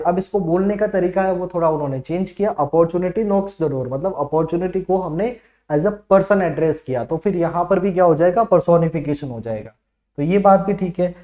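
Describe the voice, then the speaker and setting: A man teaching an exam-prep lesson, explaining in Hindi and reading the English examples out slowly. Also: high-pitched. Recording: dull echoey room recording.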